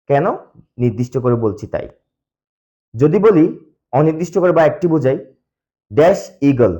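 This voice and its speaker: A man's voice: a little high, mellow, dull audio. A man who speaks Bengali natively, teaching English grammar step by step and answering his own questions. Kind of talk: explaining grammar lesson.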